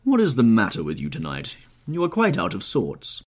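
A man voicing an urbane, cynical and witty gentleman in an audiobook, with polished, epigrammatic delivery. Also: medium pitch, wildly swooping pitch, normal speed, breathy edge, pitched above the performer's own voice, exaggerated voice. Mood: concerned. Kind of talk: audiobook character voice.

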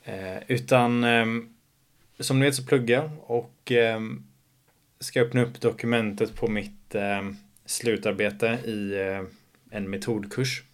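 A young man in his twenties, slightly hoarse from shouting, talking alone in a casual monologue podcast, rambling with many fillers and casual swearing. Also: lowish voice, level tone. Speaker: podcast host.

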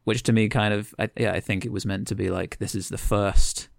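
A man's voice: fairly low pitch, steady tone, brisk, gravelly, no echo, clean studio sound. A man co-hosting a comedy podcast, chatting loosely and then reading a long extract from his own writing, rambling and correcting himself as he goes. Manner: rambling, self-correcting storyteller. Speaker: podcast co-host.

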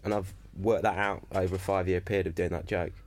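Low-voiced comedian chatting. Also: male voice, flat delivery, quick pace, slight background noise. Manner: chatty, swears, laughs often. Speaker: stand-up comedian, podcast regular. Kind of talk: casual banter.

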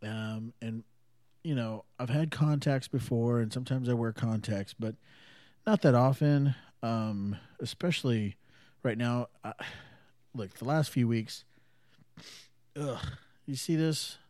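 A man's voice: mid-range voice, slow, dark tone, no room sound, studio quality. A man hosting his own podcast, rambling casually with lots of fillers and the odd swear word, his voice a little thick from allergies. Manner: rambling, loose and profane, many fillers. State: congested from allergies, slightly thick voice. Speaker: podcast host. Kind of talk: casual solo podcast monologue. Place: small home studio.

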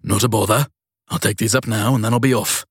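An unruffled chauffeur, as a male narrator voices him, courteous and steady. The voice is low and strongly husky, recorded dry and close. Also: a little fast, no room sound. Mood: calm. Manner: calm and courteous. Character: calm, polite male chauffeur, unflappable.

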